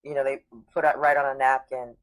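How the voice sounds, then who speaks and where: Low-voiced, animated woman guest. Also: brisk, rough recording. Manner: animated, acts out quotes of people. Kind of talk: casual conversation.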